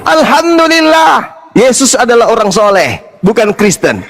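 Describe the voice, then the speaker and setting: A man arguing hard in a religious debate, mocking and shouting his points while fasting. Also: extremely high pitch, vocal fry.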